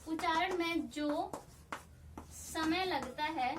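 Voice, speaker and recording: A woman with a very high voice teaches a lesson step by step, repeating each point so it sinks in. She sounds a little distant from the microphone, with faint background noise. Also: takes it slowly. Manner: patient, repeats key points, often says "theek hai". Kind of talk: Hindi grammar lesson.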